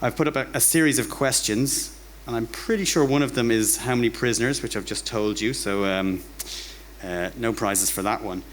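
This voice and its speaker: Speaking at moderate speed in a medium-pitched voice, a man from Ireland lectures informally at a bar's talk night. He's an academic with a conversational, wry style who keeps repeating words, and the recording carries a faint hiss or hum.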